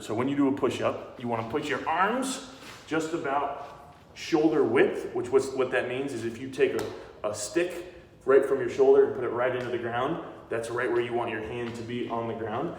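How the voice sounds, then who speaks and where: A man coaching, casually demonstrating exercises and talking straight to the kids he teaches in a friendly, encouraging way. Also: medium pitch. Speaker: sports coach. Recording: roomy echo with long reverb.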